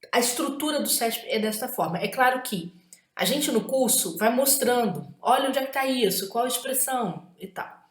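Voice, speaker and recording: A woman's voice: mid-range voice, echoey room. A woman with a Brazilian Portuguese accent gives an exam-prep writing lesson, emphatic and often checking in with tag questions.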